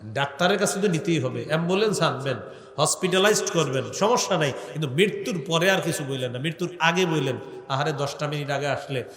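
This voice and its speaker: A man preaching a sermon, chanting scripture slowly and explaining it in plain conversational speech full of rhetorical questions. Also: fairly high pitch, lively intonation, fairly bright tone. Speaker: Islamic preacher. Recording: echoey hall with long reverb.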